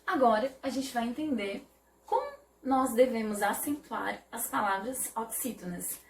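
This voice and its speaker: A woman teacher giving an online video lesson, explaining slowly and carefully and often checking in with "né?". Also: fairly high pitch, lively intonation. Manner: slow, careful explanation with repeated "né?". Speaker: Portuguese teacher. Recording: echoey room, voice from a distance.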